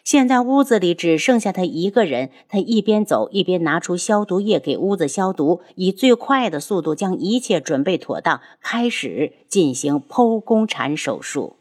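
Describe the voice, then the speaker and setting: A woman giving scripted, expressive narration of a novel. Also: fairly low pitch, normal speed, few pauses, no room sound, clean studio sound. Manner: expressive storytelling. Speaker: audiobook narrator.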